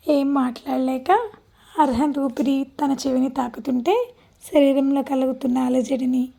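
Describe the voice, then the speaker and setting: Female storyteller, gentle read-aloud narration, high mellow voice. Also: vocal fry.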